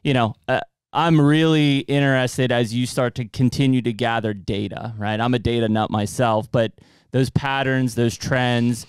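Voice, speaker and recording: Man, late thirties, podcast host, smooth clear voice, dry close studio sound, loose chatty delivery. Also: medium pitch, steady tone, normal speed, no room sound. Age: 30s. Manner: loose, talkative, swears casually. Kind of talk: casual podcast chat. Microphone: desk mic with headphones.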